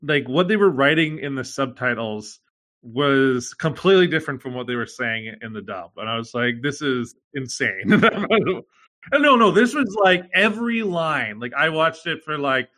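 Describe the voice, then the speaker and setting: Bright-voiced rambling young man. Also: mid-range voice, very animated, moderate pace. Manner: rambling, filler-heavy, swears casually. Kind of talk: casual chat.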